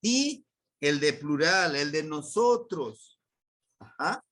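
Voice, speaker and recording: A man's voice: on the high side, animated, takes it slowly, a bit bright. A man with a Mexican accent teaching a grammar lesson to a class, patiently repeating words and quizzing his students. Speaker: language teacher.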